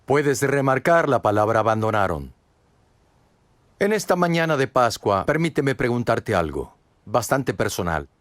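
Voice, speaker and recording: A man's voice: medium pitch, big pitch swings, measured pace, dry recording. A man preaching a sermon, earnest and direct, asking many rhetorical questions and speaking straight to the listener. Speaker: pastor.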